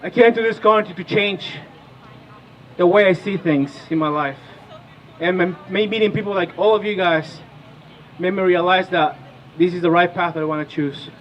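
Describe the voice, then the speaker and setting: His voice sitting high at a normal speed, a man in his thirties from Peru energizes an outdoor rally as a political organizer, posing questions to the crowd. The audio is dull, with slight background noise.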